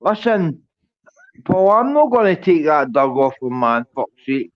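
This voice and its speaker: A high-voiced man with a rough-and-ready Glasgow street accent argues on a livestream panel. He is confrontational and swears constantly. The sound is a dull, lo-fi voice call. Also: big pitch swings, measured pace, no echo. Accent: Glasgow Scottish. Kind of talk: heated livestream argument. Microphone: online panel call.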